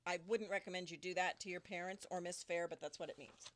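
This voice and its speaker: A woman teacher reading a picture book aloud to children indoors, animated and stopping often to ask the children questions. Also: fairly low pitch, fast talker, slight background noise.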